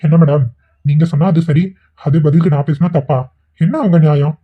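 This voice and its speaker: A man voicing a soft-hearted young cartoon hero with a slightly raised voice who talks rapidly and earnestly. He keeps pleading to be understood. The sound is tinny and phone-like. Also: a little high, steady tone, lightly acted. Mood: stern. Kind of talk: cartoon voice acting.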